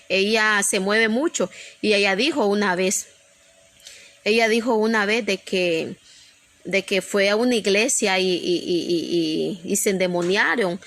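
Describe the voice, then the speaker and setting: A woman's voice: medium pitch, a bit bright. A woman preacher telling an emotional personal testimony to her congregation, earnest and repetitive, often restarting her sentences.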